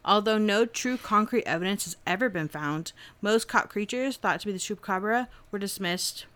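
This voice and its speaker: A woman's voice: medium pitch, normal speed, fairly bright tone. A woman co-hosting a casual podcast, chatting and laughing as she reads her notes aloud. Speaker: podcast co-host. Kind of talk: casual chat.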